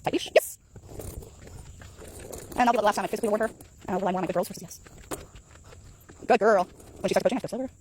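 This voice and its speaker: A woman dog trainer walking a dog in an outdoor park, explaining calmly and praising the dog in high sing-song bursts. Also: very fast, long pauses, slight background noise. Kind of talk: casual vlog narration while training a dog. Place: outdoor park path near geese.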